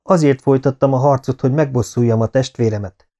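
A man's voice: mid-range voice, mellow, pitched above the performer's own voice, lightly acted. A man voicing a scheming, bitter Saxon lord who talks in a sneering, defiant way, in an audiobook.

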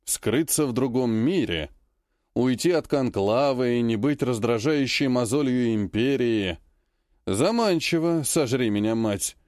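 A man narrating a fantasy audiobook and voicing each character with changes in pitch and pace. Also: lively intonation, measured pace, darkish tone, no room sound, clean studio sound. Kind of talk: audiobook reading with character voices.

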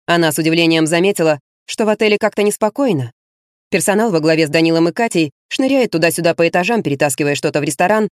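An audiobook narrator reading a mystery novel in a steady, measured way, at a middling pitch. The recording is dry and close, with no room sound around the voice. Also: dry recording. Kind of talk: scripted narration.

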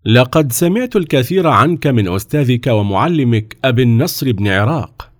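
A man's voice: medium pitch, lively intonation, brisk, no echo, studio quality, lightly acted. A man voicing a powerful, curious sultan in a storybook reading, speaking in a commanding, questioning way.

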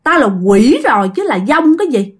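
Woman doing a ghost girl, shrill and high, ranting in fury, voice leaping up and down. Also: very animated, normal speed. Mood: furious. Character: furious ghost of a drowned girl possessing an old woman.

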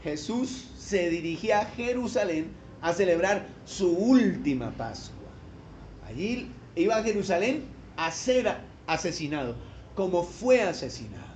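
High-voiced preacher in a roomy hall. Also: male voice, big pitch swings, measured pace, a little hiss or hum. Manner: storytelling preacher, acts out voices, rising to shouted cries. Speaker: pastor. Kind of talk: sermon.

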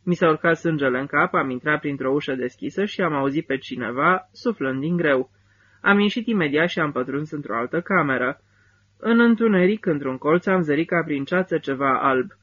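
A man reading a first-person literary novel as an audiobook narrator, with measured, steady phrasing. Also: fairly high pitch, husky, dull audio.

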